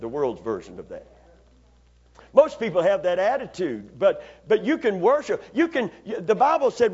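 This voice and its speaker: Preaching in a church sanctuary, a man with a high, darkish voice leads his congregation in responses and calls for amens. His voice is raspy from Sunday preaching, and the sound is lo-fi.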